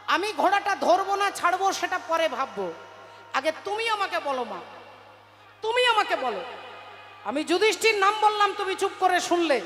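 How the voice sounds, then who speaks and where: A woman's voice: very high voice, sharp tone, exaggerated voice. A woman voicing a bold young warrior prince. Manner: pleading, demanding questions. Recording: reverberant hall, faint music.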